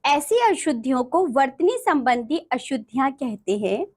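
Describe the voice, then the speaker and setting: Woman, schoolteacher, lively sing-song pitch, explains word by word to children. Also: slightly rough. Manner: slow, deliberate, contrasts wrong and right spellings word by word; addresses pupils directly. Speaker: teacher. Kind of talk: Hindi grammar lesson for children.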